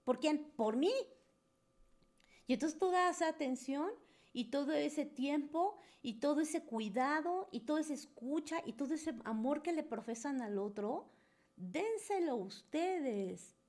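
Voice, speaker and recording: A woman's voice: sits high, animated, measured pace, a little mellow. A woman, a spiritual coach answering questions from a group in an earnest, coaxing, conversational way. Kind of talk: live Q&A talk to a group.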